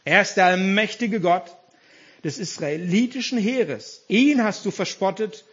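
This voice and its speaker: A man's voice: high voice, a little slow, a bit bright, husky, dull audio, exaggerated voice. A man voicing the young shepherd hero David, who calls back a bold, defiant declaration of faith.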